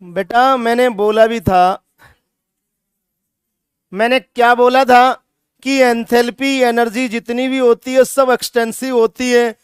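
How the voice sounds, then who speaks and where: A man's voice: very high voice, steady tone, slow, pauses often, smooth, no echo, clean studio sound. A male chemistry teacher lecturing a classroom, scolding students and repeating his points with emphasis.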